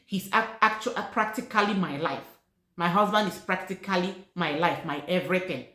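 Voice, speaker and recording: In an echoey room, a middle-aged vlogger from Nigeria whose first language is Igbo shares her own story with the camera. Her lowish voice moves at a moderate pace and sounds pushed and bright; she's casual, earnest, and repeats important words to stress them.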